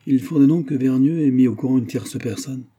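A man's voice: medium pitch, fairly quick, dark tone, slightly rough. A man narrating a crime novel in the first person, in a wry, matter-of-fact way. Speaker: audiobook narrator.

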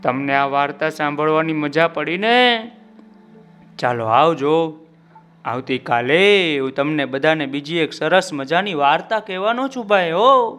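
A man telling a story to children, animated and speaking straight to his young listeners. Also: on the high side, measured pace. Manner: animated, addresses listeners directly.

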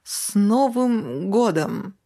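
A woman voicing a sly drunk male lift dispatcher who drawls slowly and slurs his words. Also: low voice, a little mellow, breathy edge, heavily acted. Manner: slow, slurred, sly.

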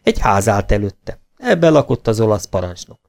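Animated male audiobook narrator. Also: on the low side, gravelly. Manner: expressive, animated. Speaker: audiobook reader. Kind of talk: storybook narration.

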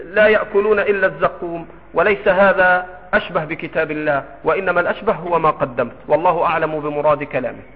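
A man with an Egyptian accent, a sheikh explaining a classical creed text, posing questions and answering them slowly and emphatically. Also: sits high. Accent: Egyptian Arabic. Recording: echoey hall over a tinny phone-like line.

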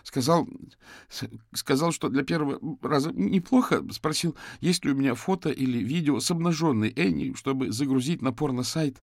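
A man's voice: medium pitch, moderate pace, gravelly, a little mellow, no echo, pitched above the performer's own voice. A man voicing a frightened young man under police questioning, stammering, shaky and close to tears. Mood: tearful.

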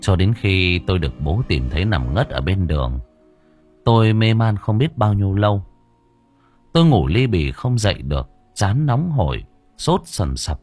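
Expressive male storyteller with a husky voice. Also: low-pitched, normal speed, soft background music. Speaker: audiobook narrator. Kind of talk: scripted story narration.

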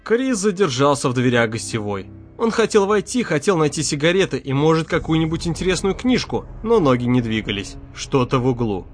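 A man reading an audiobook chapter aloud in a steady, tense narration, close to the microphone. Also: on the high side, a little fast, few pauses, soft background music. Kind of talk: scripted narration.

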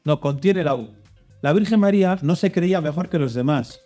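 A man's voice: on the high side, expressive, moderate pace, dark tone, faint music behind. Man hosting a quiz. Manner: reads clues then coaxes and hints. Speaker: quiz host. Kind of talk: hosting a children's religious quiz show.

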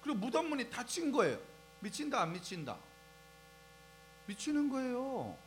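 A man preaching a lively sermon to young people, asking the crowd questions and acting out scenes as he goes. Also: extremely high pitch, normal speed, low-quality recording. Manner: animated, asks the crowd questions and acts out scenes. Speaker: preacher at a youth service. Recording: faint music and mains hum behind.

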